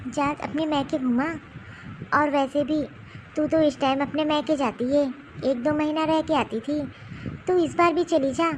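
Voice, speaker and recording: A woman's voice: high voice, a little hiss or hum, poor audio. A woman voicing a caring mother-in-law in her seventies in a cartoon, who speaks in a coaxing, consoling way. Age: 70s. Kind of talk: cartoon voice acting.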